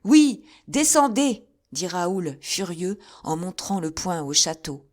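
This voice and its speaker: Slow, low-voiced woman narrator. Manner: measured, deliberate reading. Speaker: audiobook narrator. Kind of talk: scripted narration.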